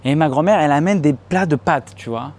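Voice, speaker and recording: On a club stage in front of a live audience, a young French comedian delivers a stand-up set at a fairly quick pace. His voice is somewhat high, and he tells stories animatedly in slangy, casual French, addressing the crowd and yelling out characters in loud, high bursts.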